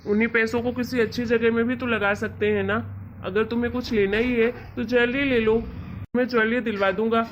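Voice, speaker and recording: A woman speaks briskly in a natural, slightly high voice with fairly even intonation, a little hiss or hum audible on the dull, lo-fi recording. She plays an exasperated young husband from an amateur cartoon story, patiently reasoning, chiding, and teasingly lecturing in colloquial terms.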